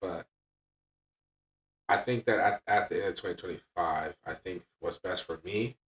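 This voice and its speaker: Recorded from a distance in a reverberant room, a man with a fairly low voice and a fairly bright tone talks off-mic at normal speed. He comes across as a frank, relaxed podcast host and coach, forceful and emphatic, who keeps asking small "right?"-style questions.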